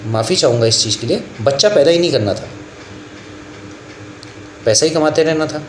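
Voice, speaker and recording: A man's voice: on the high side, lively intonation, normal speed. A man giving a blunt, scolding motivational lecture to students and parents as a coaching class teacher. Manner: blunt, scolding, lecturing, mixing in English phrases. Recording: echoey room with faint ambient noise.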